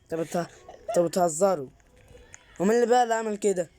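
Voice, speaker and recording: A woman's voice: medium pitch, very fast, heavy background noise. Exclamatory Egyptian woman in game role-play. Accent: Egyptian Arabic. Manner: exclamatory, questioning, repeats phrases. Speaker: gamer making a role-play film in Roblox.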